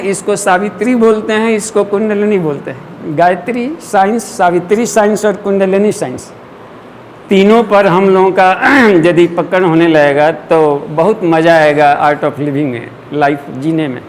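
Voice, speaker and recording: Guy teaching a spiritual class, pretty high voice, keeps clearing his throat, bit of hiss behind. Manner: earnest, explanatory, clears throat often. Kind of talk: devotional lecture.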